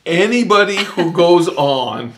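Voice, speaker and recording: Man, slightly high and very lively voice, playful teacher in casual chat. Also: takes it slowly. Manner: playful, questioning, laughs while explaining. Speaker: host, economics explainer.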